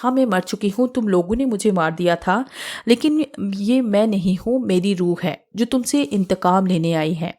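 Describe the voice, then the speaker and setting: A woman's voice: mid-range voice, a little mellow, close to an everyday voice. A woman voicing the vengeful ghost of a young woman in an audiobook horror story, read dramatically.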